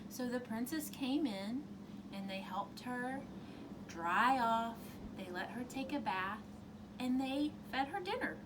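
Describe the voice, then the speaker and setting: A woman with a high, very animated voice tells a story as a kids show host would. She is unhurried and emphatic, heard at some distance in a noisy room. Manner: addresses children directly, dramatic emphasis. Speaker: children's storyteller.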